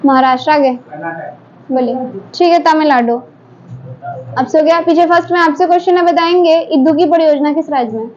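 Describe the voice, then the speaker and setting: High-voiced woman teacher running a quiz. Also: darkish tone. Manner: brisk, keeps prompting students to answer. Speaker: teacher quizzing a class. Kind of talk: classroom quiz drill. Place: classroom. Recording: dull lo-fi classroom recording, faint noise.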